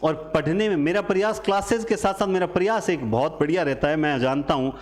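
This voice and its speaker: A man with a fairly high voice teaching Hindi literature as an exam coaching lecture. He keeps quizzing the class and answering himself to lock in memory tricks. Now and then he recites lines of poetry with feeling. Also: brisk. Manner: animated, repeats questions and answers for memory tricks.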